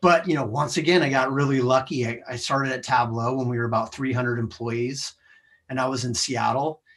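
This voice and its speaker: This American-accented sales professional guests on a podcast, walking through career lessons in a relaxed, explanatory manner with frequent small checking tags. His mid-range voice is steady and fairly bright, at a moderate pace.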